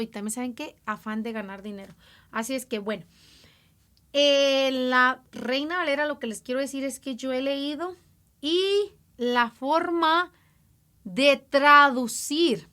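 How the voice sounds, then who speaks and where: A woman giving an informal Bible lesson, speaking conversationally, asking her listeners rhetorical questions and drawing out words slowly for emphasis. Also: high voice, fairly bright tone. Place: lives in an English-speaking country.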